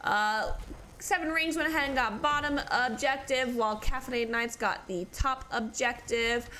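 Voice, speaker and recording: This esports caster is a woman with a voice on the high side, commentating live at a moderate pace over slight background noise. Allergies leave her sounding congested, and close fights spark her excitement.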